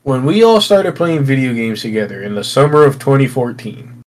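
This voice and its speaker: A young man co-hosting a podcast, chatting casually with friends in loud, matey, sweary banter. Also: mid-range voice, big pitch swings, moderate pace, rough recording. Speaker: podcast co-host. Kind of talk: casual chat among friends.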